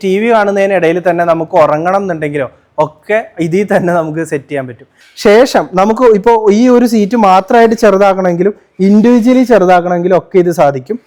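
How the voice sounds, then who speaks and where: A Malayali man walks viewers through a furnished home, explaining each feature like a sales pitch. His voice sits a little higher than most men's. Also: a little mellow. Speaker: home furnishing company presenter. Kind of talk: product demo and home tour.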